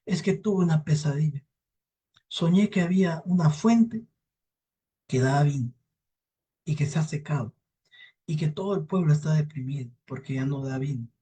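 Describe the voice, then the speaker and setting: A man's voice: a little high, normal speed, long pauses, warm tone, slightly rough. A man voicing a cunning old woman in a folktale, who pleads and coaxes in a slightly raised voice. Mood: pleading.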